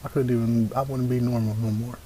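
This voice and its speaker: A man casually reacting to scary videos, loud and joking, swearing and laughing often. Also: medium pitch, fairly even intonation, quick pace, a little hiss or hum. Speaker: reaction streamer.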